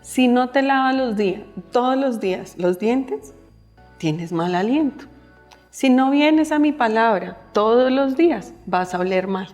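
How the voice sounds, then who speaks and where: A woman with a Colombian accent, a guest on a faith podcast, telling her story with lively acted-out quotes. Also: fairly high pitch, unhurried, faint music behind. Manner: animated storyteller, acts out quotes, laughs often. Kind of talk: casual faith-based podcast chat.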